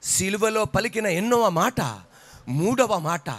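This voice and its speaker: A male pastor preaching an impassioned, sing-song sermon that builds to shouts. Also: sits high, slow.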